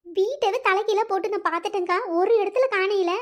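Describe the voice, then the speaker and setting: A woman's voice: very high voice, quick pace. A woman voicing a distressed village mother who wails and complains over lost money. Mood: distraught. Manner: wailing, complaining.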